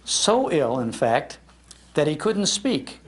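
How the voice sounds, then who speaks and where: An older American man with a slightly high voice gives a library talk on the history of old-time radio, slow-paced and swinging widely in pitch. He's nostalgic and eager as he tells his stories, performing the quoted lines himself.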